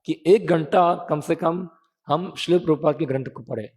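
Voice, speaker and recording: A man's voice: a little high, moderate pace, a little mellow, slightly rough, long reverb tail. A man in his thirties giving a conversational sermon, often asking his listeners a question and answering it himself. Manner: conversational, asks the audience questions and answers them. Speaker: preacher.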